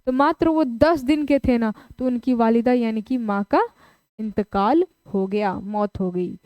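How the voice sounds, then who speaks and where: A woman teaching a live online exam-prep class, who briskly reads out the options, repeats the answers aloud and urges her students to reply in the chat. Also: fairly high pitch, mellow, no echo.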